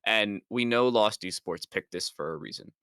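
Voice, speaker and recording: A man's voice: fairly low pitch, moderate pace, pushed and bright, smooth, no room sound. A man casting a live esports match with dry sarcastic humor, often stammering as he restarts. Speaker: esports caster.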